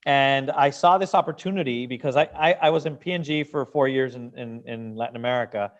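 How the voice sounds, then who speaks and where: A man from Venezuela, a business founder being interviewed, who talks in an animated way and often repeats words as he restarts sentences. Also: medium pitch, a little fast, dull audio. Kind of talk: interview conversation.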